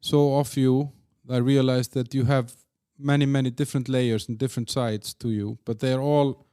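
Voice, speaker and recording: A man's voice: medium pitch, steady tone, normal speed, dark tone, clean tone, no room sound. Man, podcast host, casual, rambling questions, dry close sound. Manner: rambling, with many fillers and restarts. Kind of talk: casual interview.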